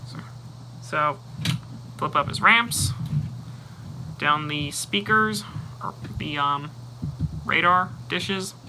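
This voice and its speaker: Slow-talking man walking through a toy review. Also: on the high side, background noise. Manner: talks through steps while handling a toy, pausing and muttering. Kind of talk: casual toy review walkthrough.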